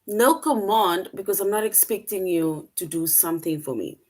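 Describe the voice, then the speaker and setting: A woman's voice: medium pitch, moderate pace, a little mellow. A woman teaching an online English lesson to young children, patient and repetitive, often checking in with "right?".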